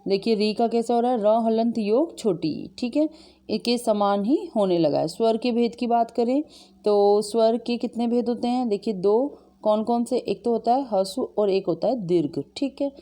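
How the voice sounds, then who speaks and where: A woman teaching an exam-prep Hindi grammar lesson, asking and answering her own questions step by step and drawing out letter sounds slowly. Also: fairly high pitch, dark tone. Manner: often adds "ठीक है" and "है ना" as check-ins; drags out letters slowly when demonstrating sounds.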